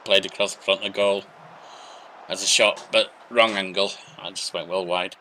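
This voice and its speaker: A man's voice: low voice, steady tone, moderate pace, bright, forceful tone, slight background noise. A young adult man giving casual let's-play commentary, narrating match action in short bursts and thinking aloud. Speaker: gaming YouTuber.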